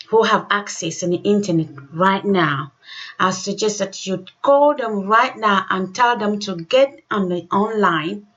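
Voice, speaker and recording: Emphatic woman radio host, dull lo-fi sound. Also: mid-range voice. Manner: emphatic, repeats phrases. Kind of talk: exhortatory religious radio introduction.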